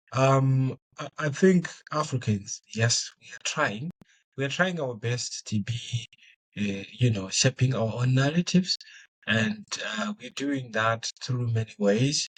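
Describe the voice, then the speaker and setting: A young Zimbabwean man, Shona as his first language, answers interview questions thoughtfully as a guest, with many fillers and restarts. His medium-pitched voice is husky and expressive at a measured pace, and the audio is poor.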